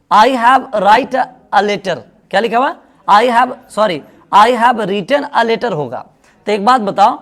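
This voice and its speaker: A man's voice: sits high, fairly bright tone. Bihari-accented male grammar teacher quizzing the class. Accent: Bihari Hindi. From India. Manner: asks the class questions and answers them himself. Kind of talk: classroom lesson.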